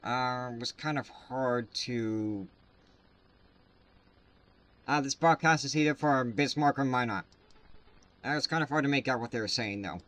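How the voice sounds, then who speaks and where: A man hosting live severe weather coverage, talking casually and haltingly with many filler sounds at a desk mic. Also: mid-range voice, background noise. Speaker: livestream weather host.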